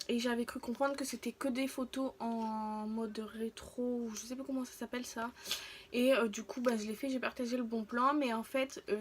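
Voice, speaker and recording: A woman's voice: on the high side, slight background noise. A woman vlogging casually to her followers, rambling and interrupting herself as she goes, often trailing off. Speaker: vlogger showing free samples she received. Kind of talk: casual chatty video to followers.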